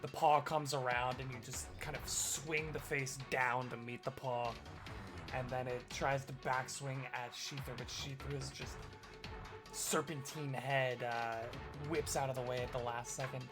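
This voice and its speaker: A man running a tabletop game as game master, giving brisk, matter-of-fact rulings. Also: mid-range voice, fairly even intonation. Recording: music playing behind. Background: background music.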